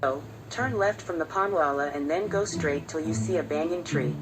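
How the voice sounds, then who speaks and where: A synthetic woman's voice working as a voice assistant, giving answers in a polite, measured, evenly articulated way. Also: low-pitched, noisy background. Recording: music playing over the voice.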